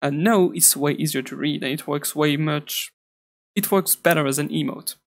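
A hoarse man talks through a screen-recorded tutorial in a loose, chatty way, restarting sentences as he goes. His voice sits a little high for a man and carries a gravelly fry. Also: normal speed. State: hoarse from a long recording session. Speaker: pixel art tutorial creator.

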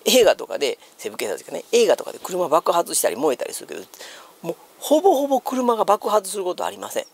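A man's voice: high-pitched, huge pitch swings, fast talker, gravelly, breathy edge. A man with a Kansai Japanese accent chatting casually as a solo streamer, explaining news and thinking aloud. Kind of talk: casual chat commentary on news. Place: small room at home, seated on a sofa.

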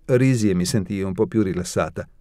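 A man narrating an audiobook in a steady, measured reading voice, close to the mic. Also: low voice, no echo.

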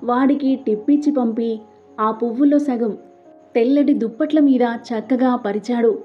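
A woman narrating an audiobook story as the storyteller, reading every character's lines herself in a soft voice. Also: fairly high pitch, moderate pace. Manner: reads all parts herself with soft dialogue. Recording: dull lo-fi with soft background music.

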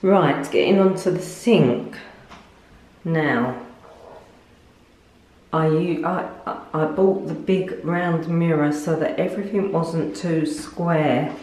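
A lifestyle vlogger with a low, darkish voice chats slowly while holding her phone camera in a small tiled bathroom at home, giving a casual home tour. She rambles, using fillers and restarts, and the tiled room is echoey.

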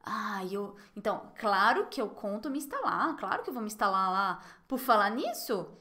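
A woman with a Brazilian Portuguese accent giving a live online French lesson, explaining phrases and slowly modeling pronunciation. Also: medium pitch, sing-song, bright, forceful tone. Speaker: French teacher.

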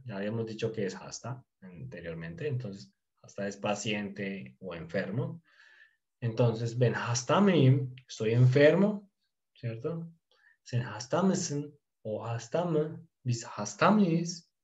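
A man teaching Turkish, slowly drilling question forms and explaining in quick, casual asides. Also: medium pitch, mellow, muffled recording. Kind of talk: casual language lesson.

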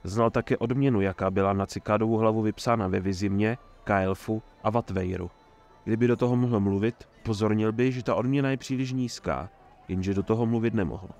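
Male audiobook narrator, measured. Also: fairly low pitch, a little mellow. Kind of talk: scripted fantasy narration.

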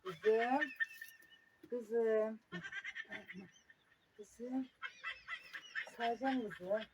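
A woman on a farm coaxing and calming her animal, repeating short calls over and over. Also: on the high side, extremely slow, very noisy. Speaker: farmer tending her animal. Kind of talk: casual talk to an animal.

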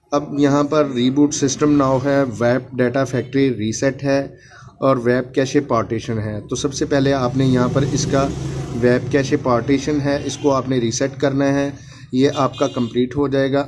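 With a medium-pitched, slightly mellow voice, this man narrates a hands-on phone repair tutorial, going step by step and repeating each instruction while he works. He calls his viewers friends, and the home recording is noisy.

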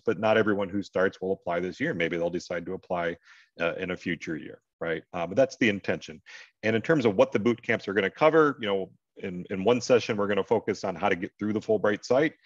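A middle-aged American man with a lowish voice hosts an advising session over a video call from indoors, talking informally and explaining directly to those watching. The call microphone gives a dull, lo-fi sound with no echo.

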